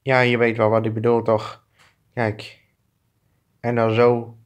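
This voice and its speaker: A man's voice: medium pitch, monotone, slow, natural voice. A man improvising a comic fan dub of two clumsy adult male neighbors who bicker, trading crude insults and swearing. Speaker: fan dubber.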